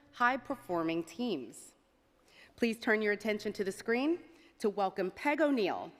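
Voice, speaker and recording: A woman hosting an awards ceremony, giving a formal, scripted podium speech in an announcer's style. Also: fairly high pitch. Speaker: ceremony host. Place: large event hall on stage. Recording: hall reverb from a PA system.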